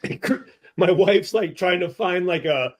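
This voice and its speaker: A middle-aged podcast guest with a fairly high-pitched voice tells an animated story, casual and full of swearing. He halts and repeats phrases, acting out what people said in each exchange.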